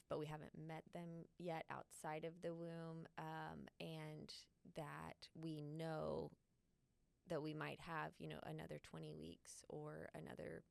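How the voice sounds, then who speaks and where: A woman co-hosting a ministry podcast, speaking in an earnest, thoughtful way with frequent filler pauses and a gravelly fry. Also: deep voice, no room sound. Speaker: podcast co-host. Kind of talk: casual podcast chat.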